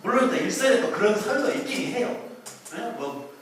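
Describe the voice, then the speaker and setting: A man's voice: high-pitched, very animated, fairly quick, a little hiss or hum. A man giving a chatty public lecture, joking and quizzing his audience. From Korea. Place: lecture hall. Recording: very echoey hall, voice from far off.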